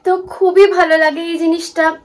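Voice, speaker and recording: Young woman from Kolkata, high voice, chatty fast vlog talk peppered with English. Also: level tone. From Kolkata, India. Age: young adult. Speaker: vlogger, student in the UK. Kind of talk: casual vlog chat. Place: shared student kitchen.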